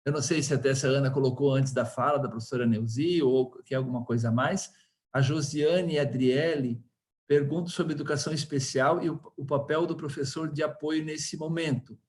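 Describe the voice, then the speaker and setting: A man hosts a webinar question round over a video call. His voice is somewhat high, and he reads out the audience questions with small stumbles and restarts. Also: steady tone, fairly quick, darkish tone. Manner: hesitant, reading out questions. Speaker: webinar moderator. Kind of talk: moderating a Q&A.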